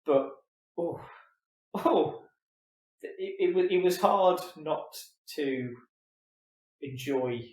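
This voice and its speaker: A man chatting on a podcast, his voice pitched a touch higher than most men's and carrying a roomy echo. He talks in an animated, profane way. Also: extremely slow, pauses often. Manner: animated, swears a lot, acts out voices in quotes. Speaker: podcast co-host. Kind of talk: casual chat.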